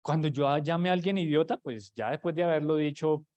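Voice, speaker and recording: Conversational preacher. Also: male voice, on the high side, fairly quick, darkish tone, muffled recording. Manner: conversational, many restarts and rhetorical questions. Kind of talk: sermon teaching.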